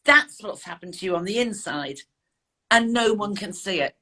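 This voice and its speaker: A woman's voice: medium pitch, expressive, normal speed, bright, forceful tone. An older woman, a guest on an interview, earnestly recounting a painful personal experience and quoting the people she spoke to. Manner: earnest, quotes others' words in her retelling. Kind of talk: emotional personal account.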